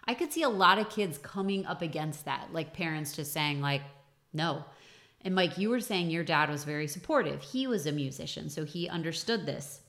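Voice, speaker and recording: Low-voiced woman hosting an interview. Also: expressive, brisk, hardly any pauses, a bit bright. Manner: thinks aloud, acts out quoted voices. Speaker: interview host. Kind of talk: casual interview.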